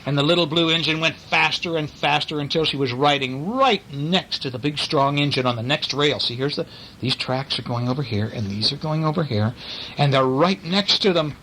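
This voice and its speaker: A man reading a bedtime story aloud to his young child at home, pausing gently to ask questions about the pictures. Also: a little high, a little hiss or hum, low-quality recording.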